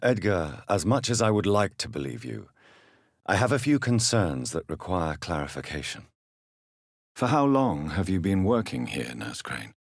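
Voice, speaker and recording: A grave British gentleman vampire doctor for a video game speaks in a very deep, markedly husky voice with expressive rises and falls, calm and inquiring in mood. His dramatic dialogue uses formal, measured period phrasing that is courteous and earnest. It's a full character voice, recorded at studio quality with no room sound.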